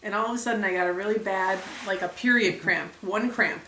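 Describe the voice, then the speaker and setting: A young woman vlogger chatting casually to the camera, retelling events with lively acted quotes. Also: mid-range voice, a little fast, recorded from a distance, slight background noise. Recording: echoey room, a bit off mic.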